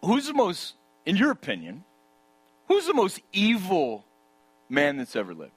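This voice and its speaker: A man preaching with a slightly high-pitched voice. He leans on rhetorical questions and drives his points home with emphasis. At key moments he drops into a hushed tone. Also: huge pitch swings, a little slow, husky. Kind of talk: sermon.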